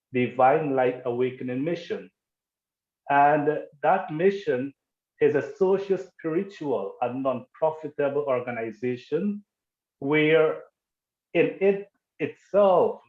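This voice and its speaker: Slow-spoken Guyanese man on a tinny call. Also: mid-range voice. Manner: measured, humble, formal. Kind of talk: formal interview answers. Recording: echoey tinny phone-like call.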